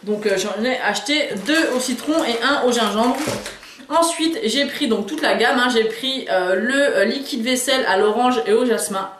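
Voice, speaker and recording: Woman, chatty and hesitant, bright higher voice, echoey room. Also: normal speed, slight background noise. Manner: chatty, enthusiastic, frequent hesitations. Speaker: beauty and lifestyle YouTuber. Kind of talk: casual haul video chat.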